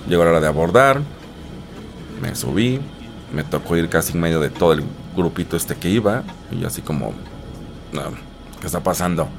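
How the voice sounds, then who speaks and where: A young man with a Mexican Spanish accent tells his own story in a deep, low voice. He talks in a chatty, lively way and slips into a high voice when he acts out what other people said. Guitar music plays clearly behind him. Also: fairly quick. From Isthmus of Tehuantepec, Mexico. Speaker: interviewee telling his life story. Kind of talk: personal storytelling.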